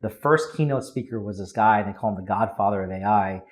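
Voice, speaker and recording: Rapid-talking energetic male guest. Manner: high-energy, eager explaining. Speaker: podcast guest, copywriter. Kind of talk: casual interview talk.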